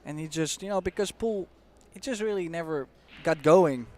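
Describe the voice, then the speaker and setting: A man giving expert analysis on a pool match as co-commentator, explaining shots in a measured way with casual fillers. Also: on the high side, a little mellow. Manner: explanatory, measured, uses fillers like "you know".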